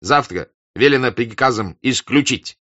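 A man voicing a hot-tempered hussar officer who shouts bluntly with a rolling r, on a dull, dry lo-fi recording. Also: mid-range voice, animated, moderate pace, dry recording, pitched above the performer's own voice. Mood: fierce.

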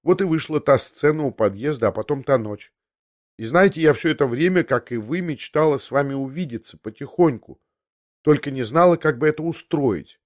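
A man's voice: fairly high pitch, expressive, brisk, a little mellow, lightly acted. A man reading an audiobook, voicing a young noblewoman who confesses in a breathless, restless way, half talking to herself, in a slightly raised voice. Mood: confiding. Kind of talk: audiobook character voice.

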